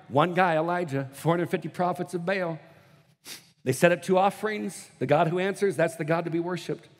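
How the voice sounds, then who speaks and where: A man preaching a sermon as pastor, moving between hushed, slow prayer and loud, quick bursts, acting out scripture scenes in mock voices. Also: a little high, big-room sound. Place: church auditorium.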